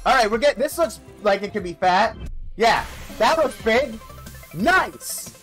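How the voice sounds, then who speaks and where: Young guy chatting through a slot stream, slow spaced out remarks, music behind him. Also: high voice, animated, a bit bright. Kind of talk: casual live slot-play commentary. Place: indoor streaming setup.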